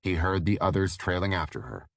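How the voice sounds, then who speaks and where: Deep-voiced male audiobook narrator. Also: expressive, a little fast, fairly bright tone, no room sound, studio quality. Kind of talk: scripted fantasy narration.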